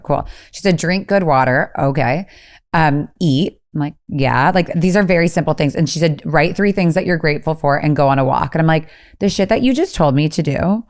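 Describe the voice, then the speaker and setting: A woman in her thirties co-hosts a podcast in candid, casual conversation. Her voice sits low and comes through smooth and resonant. She speaks bluntly, swears freely and tosses in quick asides. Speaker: podcast co-host.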